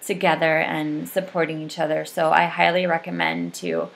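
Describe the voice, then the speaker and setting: Rambling woman with a gravelly voice. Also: deep voice, moderate pace. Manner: rambling, full of ums and likes. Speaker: vlogger. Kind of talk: casual video update.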